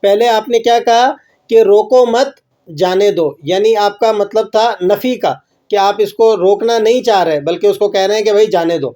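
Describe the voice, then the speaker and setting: A high-pitched man teaches a religious lesson in a patient, explaining way, often asking his listeners if they follow. His tone is mellow and soft-edged, and he slows right down when he chants his recitation examples. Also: steady tone. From Pakistan.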